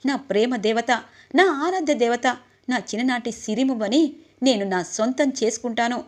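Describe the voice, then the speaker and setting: A woman's voice: a little high, normal speed, natural voice. A woman voicing a passionate, defiant young man who speaks out for the woman he loves in an impassioned way.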